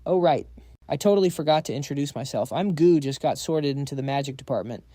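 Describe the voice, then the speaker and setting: A man's voice: a little high, quick pace, warm tone, no echo, clean studio sound, close to an everyday voice. A man voicing a chatty, goofy young male roommate with an upbeat way of talking.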